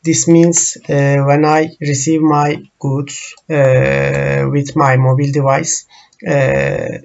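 A man whose first language is Turkish, walking through software screens in a slow, halting tutorial full of pauses and fillers. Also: mid-range voice, expressive, creaky, dull audio. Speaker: software trainer.

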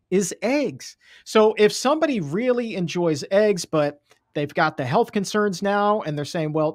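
A man's voice: on the high side, dry recording, clean studio sound. Upbeat man hosting a podcast. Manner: enthusiastic, conversational, emphatic. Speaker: podcast host. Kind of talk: casual interview chat. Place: home studio room. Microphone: studio mic, video call.

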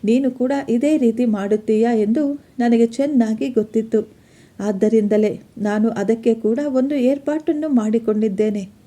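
A woman's voice: a little high, normal speed, dark tone, lightly acted. Woman voicing a smug rich young man. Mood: taunting. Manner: smug, taunting. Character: arrogant rich young man, mocking blackmailer.

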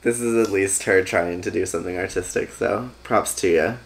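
A man's voice: low voice, normal speed, creaky. A young man talking as a sassy drag queen, giving casual, blunt and opinionated reaction commentary. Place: living room at a table with a couch. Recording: loud music playing behind the voice. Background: music from the videos being watched.

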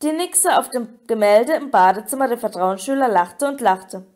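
High-voiced woman reading an audiobook. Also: normal speed. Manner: steady, expressive reading. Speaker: audiobook reader. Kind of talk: audiobook narration.

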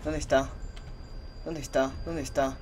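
A man with a Spain Spanish accent giving horror let's-play commentary, repeating himself and yelling and swearing at the game. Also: mid-range voice, little pitch movement, a little slow, a little hiss or hum. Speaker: gaming channel host.

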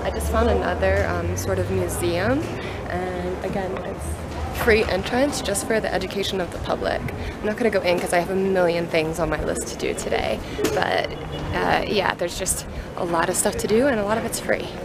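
A woman's voice: lowish voice, moderate pace, heavy background noise. A woman in her thirties, a travel vlogger, chatting upbeat to a handheld camera as she walks busy city streets. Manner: chatty and upbeat, talking while walking. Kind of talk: walking tour vlog. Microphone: camera held at arm's length.

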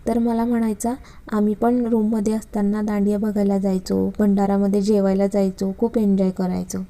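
A woman calmly reading a first-person love story aloud, with a Marathi accent. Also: medium pitch, normal speed. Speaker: narrator.

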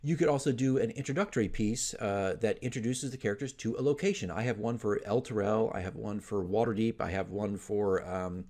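This fortyish channel host, a game master offering advice, speaks on the low side, a little mellow, fairly quickly and with hardly any pauses. It's a casual opinion talk to camera, emphatic and conversational. He records indoors in a small furnished home room, a desk microphone in front of him.

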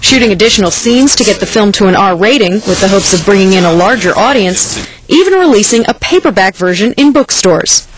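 A woman's voice: medium pitch, lively intonation, a little fast, low-quality recording. A young woman reporting a scripted entertainment news segment from a TV studio, in a playful newsreader manner. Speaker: news correspondent. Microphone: lapel mic.

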